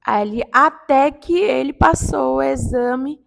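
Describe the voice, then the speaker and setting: A woman in her fifties talks straight to her viewers in an excitable, storytelling rush. Her voice sits high, and she punctuates the tale with sharp little exclamations. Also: a little slow, gravelly. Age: 50s. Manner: animated and excitable, with sound-effect interjections. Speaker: vlogger telling a paranormal story. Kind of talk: casual storytelling to camera.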